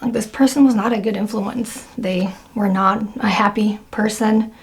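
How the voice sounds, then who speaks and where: A woman's voice: mid-range voice, steady tone, normal speed. A young woman talking casually to camera, chatty and full of fillers. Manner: chatty, lots of fillers and laughs. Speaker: video creator.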